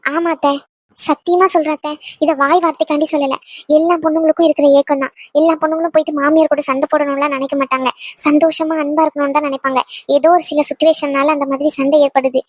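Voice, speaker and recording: A woman voicing a gentle young daughter-in-law who asks her elders not to apologise. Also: sits high, little pitch movement, fast, no room sound, studio quality, natural voice. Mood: emotional.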